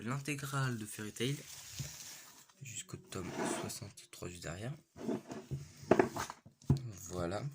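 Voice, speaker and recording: Low-voiced young Frenchman with a stuffy nose. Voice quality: congested, blocked-nose sound. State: has a cold with a stuffy nose. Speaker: manga collection vlogger. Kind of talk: casual vlog chat, rambling collection tour. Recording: noisy amateur home recording with clicks.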